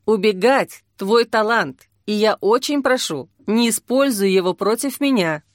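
A woman reading an audiobook and voicing a calm young man who talks slowly and steadily to soothe a frightened girl. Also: medium pitch, no echo, clean studio sound, natural voice. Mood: coaxing. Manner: slow, steady, gently coaxing.

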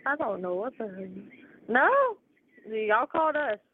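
A woman's voice: fairly high pitch, sing-song, measured pace, slight background noise. A woman, a convenience store clerk heard over a phone line, confused and curt with the caller. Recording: tinny phone line, dry.

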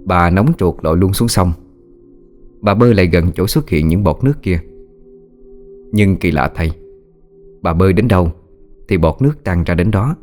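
A man narrating a ghost story in a measured, solemn way. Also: low-pitched, animated, a little mellow. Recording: faint music bed. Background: faint music.

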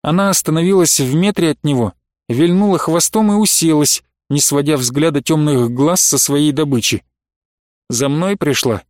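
A man narrating an audiobook in a steady storytelling read. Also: a little high, normal speed, no room sound, studio quality. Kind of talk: scripted narration.

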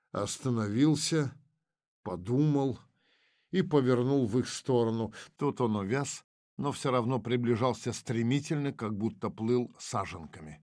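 A man narrating an audiobook in a measured storytelling voice. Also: mid-range voice, darkish tone, no room sound, clean studio sound.

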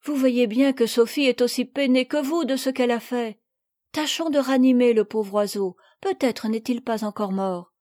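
A woman voicing a calm, kind nursemaid in a storybook reading. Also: a little high, normal speed, natural voice. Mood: soothing.

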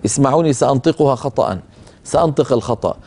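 Brief: man hosting a televised recitation lesson, mellow dark tone, patient and explanatory. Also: mid-range voice. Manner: calm, explanatory, slows down to demonstrate pronunciation. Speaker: Quran recitation teacher and program host.

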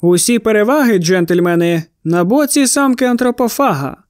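A brash male monster hunter with a breezy, mocking way of speaking, as an audiobook reader plays him. He gives orders lightly, as if danger amuses him. The voice sits high and is recorded close and dry. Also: expressive, moderate pace, no echo. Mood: cool mocking. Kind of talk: audiobook character voice.

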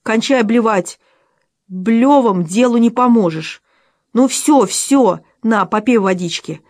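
A woman voicing a blunt, chain-smoking female friend with a hoarse, smoky voice, brash and bossy, in an audiobook. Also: on the high side, slow, darkish tone. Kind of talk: audiobook character voice.

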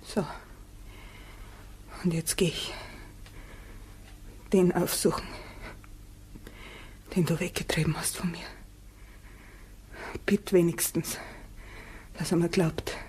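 A woman's voice: fairly low pitch, fairly even intonation, takes it slowly, pauses often, a little hiss or hum. An actress playing an earnest, outspoken young farm girl in a 1960 radio play. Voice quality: breathy, soft. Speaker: Regina.

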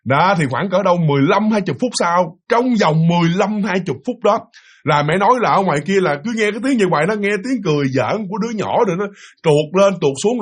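A man's voice: sits high, slightly rough. A man telling a spooky family story to listeners in a chatty, dramatic way, acting out the voices of the people in it. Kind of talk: spoken ghost story telling.

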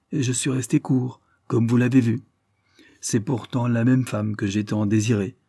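A man's voice: mid-range voice, mellow, no echo, studio quality, natural voice. A man voicing a disillusioned young man explaining himself to his friends in a read novel. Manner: earnest, reflective monologue.

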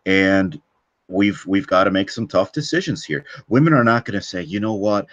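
A man with a very low voice delivers a long, rambling rant, swearing freely and stumbling through fillers and restarts. He keeps punctuating his points with a challenging "okay?". The audio is dull and lo-fi. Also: expressive, moderate pace, a bit bright. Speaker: channel host. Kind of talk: ranting monologue. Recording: dull lo-fi recording.

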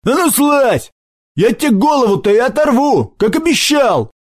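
A man voicing a hot-headed young henchman who whines and yells in an audiobook. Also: very high-pitched, sing-song, moderate pace, dry recording, clean studio sound, pitched above the performer's own voice, heavily acted. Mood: angry. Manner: whining, shouting threats.

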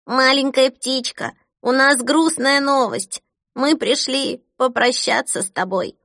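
A woman's voice: high voice, slow, fairly bright tone, no echo, studio quality, pitched above the performer's own voice, heavily acted. A woman voicing a sad little elf dandy. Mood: tender. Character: small male elf fop, gentle and sad.

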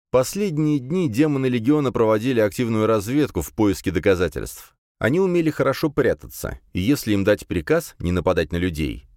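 A man narrating a fantasy audiobook in the first person with expressive, measured storytelling. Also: on the low side, dry recording, clean studio sound.

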